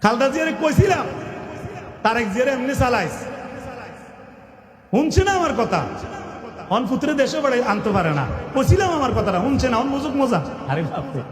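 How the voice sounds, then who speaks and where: A man with a Bangladeshi Bengali accent preaching a fiery sermon, mocking and mimicking the people he scolds and shouting for emphasis. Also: very high-pitched, sing-song, normal speed, pauses often. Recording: echoey hall with long reverb.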